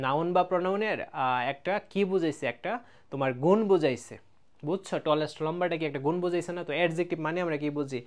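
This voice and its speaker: A man teaching an English grammar lesson in a casual video, explaining step by step, checking that students follow, and drawing out example words slowly. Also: fairly high pitch. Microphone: close mic, writing on a board.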